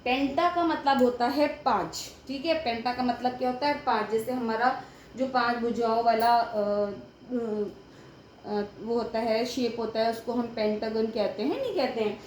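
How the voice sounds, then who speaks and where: A woman's voice: fairly high pitch, a little slow. A young woman teaching an English grammar lesson at a board. She explains step by step and keeps checking with her students. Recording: echoey room with faint background noise.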